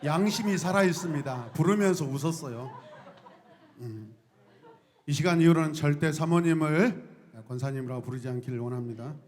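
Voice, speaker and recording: Lively Korean pastor, fairly high voice. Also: male voice, normal speed. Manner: lively, shouts out cries and prompts the congregation. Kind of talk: sermon.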